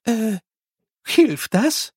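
Brief: narrator doing a nervous, overly polite young woman, voice pushed high, husky edge, dry close mic. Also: expressive, moderate pace, a little mellow, no room sound, close to an everyday voice. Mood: fretful. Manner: anxious, over-polite.

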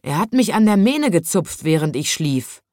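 A woman's voice: lowish voice, sing-song, normal speed, a little mellow, dry recording, studio quality. A woman voicing a lazy, grumbling male lion in a children's storybook reading. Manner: grumbling complaint.

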